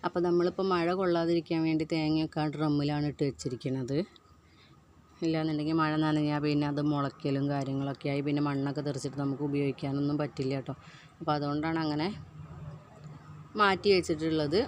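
A woman's voice: low-pitched, steady tone, fast, a little mellow, a little hiss or hum. A housewife from Kerala chattily narrating her daily chores over a home vlog, tagging her sentences with "you know?"; she is recovering from a tooth extraction. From Kerala, India. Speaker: housewife vlogger.

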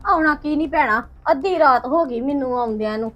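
A woman's voice: high-pitched, brisk, lightly acted. An actress playing an aggrieved village woman who rambles through complaints about her in-laws, quoting them as she goes. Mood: indignant. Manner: indignant, rambling complaint with quoted asides. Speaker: actor in a short film. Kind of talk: village family drama. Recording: dull lo-fi sound with faint music.

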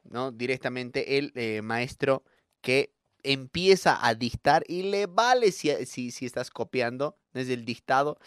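A man's voice: medium pitch, lively intonation, measured pace, a bit bright, clean tone, dry recording, studio quality. Man telling comic stories. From Bolivia. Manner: casual storytelling, many fillers and tag questions. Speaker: radio host and comedian. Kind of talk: comic monologue.

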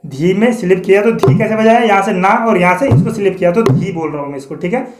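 A man teaching tabla online, patiently explaining and slowly reciting drum syllables. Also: high-pitched, lively intonation, background noise. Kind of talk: online music lesson. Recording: echoey room with loud tabla. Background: tabla playing.

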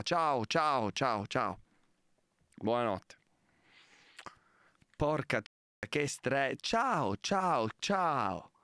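A man's voice: on the high side, a bit bright, no room sound. A man live streaming late at night, ranting in exasperation and swearing at a prank.

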